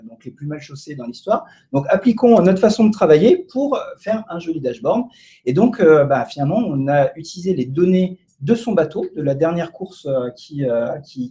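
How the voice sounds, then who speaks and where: A man's voice: a little high, dark tone. A man giving a casual live presentation to an audience in a co-working space, hesitant and full of fillers and restarts. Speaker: presenter at a data meetup.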